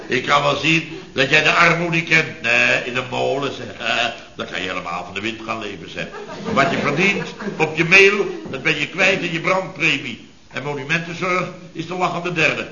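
An actor in a 1970s radio comedy plays a rich building contractor boss, blustery, self-pitying and boastful, in a heavily acted, mid-range voice with vocal fry and a bright, forceful tone. Unhurried and smug yet jovial, he's pompous, grumbling and emphatic, repeating himself. It's a dull, roomy vintage radio recording.

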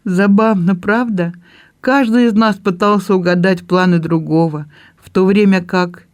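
A man's voice: high voice, steady tone, measured pace, clear, resonant tone. A man reading an audiobook and voicing a hesitant young man in love, speaking tenderly with a shake in his voice.

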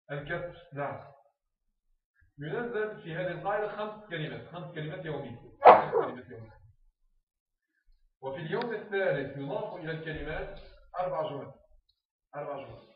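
A man's voice: on the high side, lively intonation. Man teaching in an echoey hall. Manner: repeats phrases slowly, drills words aloud. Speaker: teacher trainer. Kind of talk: classroom instruction on teaching reading. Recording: echoey room, far off, phone-like sound.

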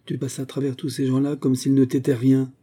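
A man's voice: medium pitch, completely flat delivery, a little fast, warm tone, breathy edge, pitched above the performer's own voice, lightly acted. A man voicing an irascible old Italian singing master who scolds and lectures his pupil. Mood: coaxing. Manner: exasperated, scolding.

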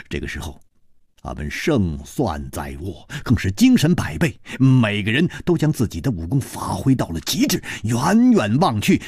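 A man telling a martial-arts story for broadcast in a dramatic way, swinging between hushed and exclaimed phrases. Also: mid-range voice, slightly rough, dry recording, clean studio sound.

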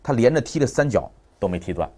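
A man's voice: mid-range voice, very animated, fast, dark tone. A man in his thirties giving a public talk on parenting, telling family stories and acting out the dialogue. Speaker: parenting speaker.

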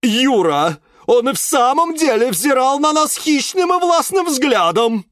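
Man doing a shouting, alarmed narcissus. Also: extremely high pitch, sing-song, unhurried, no room sound, clean studio sound, pitched above the performer's own voice, heavily acted.

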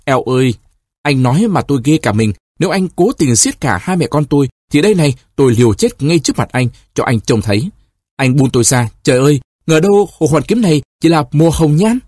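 A man voicing a distraught pregnant young woman of eighteen, pleading in a husky, reproachful way in an audio story. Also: a little high, animated, fairly quick, darkish tone, no echo, clean studio sound. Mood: desperate.

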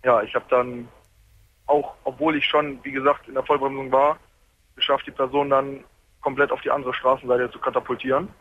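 A man in his twenties calls in from a truck cab on a hands-free speakerphone, telling his story calmly and haltingly. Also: medium pitch. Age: 20s. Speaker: caller. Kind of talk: late-night radio phone-in call. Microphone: car hands-free speakerphone. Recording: tinny phone line, faint road noise.

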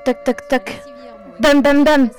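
A woman telling a game as a present-tense story in a lively, casual way. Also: high voice, slow.

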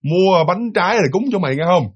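A man's voice: sits high, animated, quick pace, slightly rough, lo-fi sound. A man voicing an aggrieved older aunt, complaining and pleading with a ghost.

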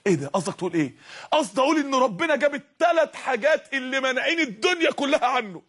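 A man's voice: very high voice, very animated, rapid-fire, fairly bright tone. A man with an Egyptian Arabic accent giving an impassioned Islamic sermon, repeatedly exhorting his listeners. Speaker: preacher.

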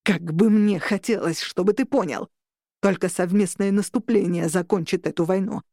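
A man's voice: high voice, normal speed, a little mellow, no room sound, studio quality. Insistent scheming vampire lord, voiced by a woman narrator, near her own voice. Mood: pleading. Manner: insistent, pleading.

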